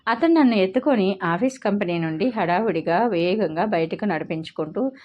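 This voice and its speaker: A woman's voice: medium pitch, expressive, moderate pace. Woman narrating a dramatic novel. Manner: dramatic, emotional storytelling. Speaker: storyteller. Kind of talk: first-person novel narration. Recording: slightly dull lo-fi audio.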